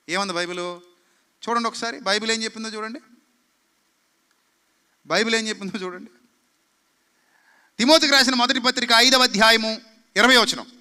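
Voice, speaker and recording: A man's voice: sits high, pushed and bright, clear, resonant tone. A man preaching a fiery sermon, scolding the crowd with rhetorical questions and mocking quotes. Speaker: pastor.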